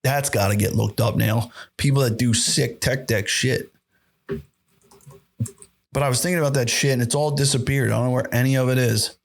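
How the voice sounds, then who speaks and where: A young man hosting a podcast, reacting to videos in a loose, excitable, profanity-heavy way and laughing often into his podcast mic. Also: mid-range voice, normal speed, gravelly, slight background noise. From United States. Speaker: podcast host. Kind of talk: casual reaction commentary.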